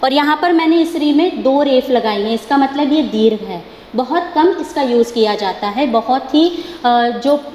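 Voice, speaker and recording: A woman teacher with an Indian accent, explaining a lesson slowly, drawing out sounds to show pronunciation and checking that the class understands. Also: high voice, animated, darkish tone. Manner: mixes English words into her talk. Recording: echoey room with long reverb, faint hiss.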